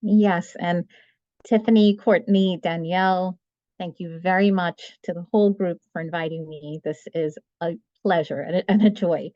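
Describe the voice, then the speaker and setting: A woman in her forties from Trinidad and Tobago presents over a video call in a steady, explanatory way. Her voice sits low and mellow. The call audio sounds dull, dry and lo-fi. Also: moderate pace, dry recording. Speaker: guest speaker, medical writer. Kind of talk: webinar presentation.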